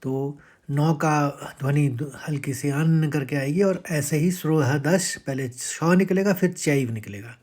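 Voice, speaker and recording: A man teaching how to pronounce and chant scripture verses, explaining each word and then chanting the lines slowly with stressed syllables. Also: a little high, darkish tone. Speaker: recitation teacher. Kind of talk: scripture recitation lesson.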